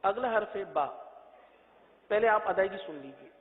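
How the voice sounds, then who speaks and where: A man's voice: high-pitched, lively intonation. A man teaching recitation in a patient spoken lesson, drawing out and singing each letter sound, asking questions and then answering them himself. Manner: drawn-out sung letter sounds; asks and answers his own questions. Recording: tinny phone-like echoey audio.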